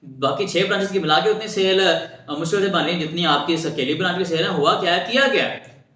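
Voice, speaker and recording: Curious male boss played by a male storyteller, high and echoey. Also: brisk, bright, forceful tone. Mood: demanding. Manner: demanding, curious. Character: astonished male company owner, boss.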